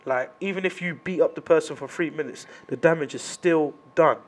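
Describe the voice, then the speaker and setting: A man's voice: a little high, brisk. A man with a London roadman accent debating casually in street slang, emphatic and repeating his phrases for stress.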